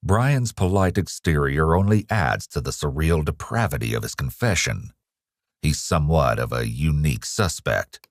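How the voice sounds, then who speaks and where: A male narrator reads scripted documentary voice-over in a measured, grave manner. His voice is extremely deep. It is recorded dry and close, with no room sound. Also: lively intonation, dry recording. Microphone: studio voice-over.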